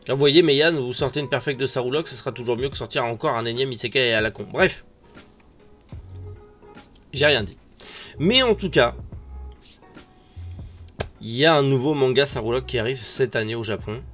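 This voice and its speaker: A man with a mid-pitched voice hosts a casual news rundown over background music. He has a noticeable lisp with slushy s sounds, as his sore, swollen mouth makes articulation effortful. His delivery is informal, slangy and full of personal opinion. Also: normal speed, long pauses, fairly bright tone. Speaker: host of a manga and anime news show. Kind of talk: casual news commentary to online viewers. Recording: music behind the voice.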